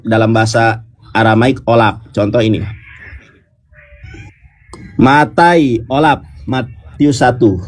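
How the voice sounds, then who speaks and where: A man explains verses in a patient, teacherly way, his pitch sitting right in the middle. He slips into a sung, chanting intonation when he reads verses aloud. His voice comes through a low-input mic with a detached sound card. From West Java (Sundanese). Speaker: speaker explaining scripture. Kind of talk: online discussion call. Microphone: detached sound card, quiet input.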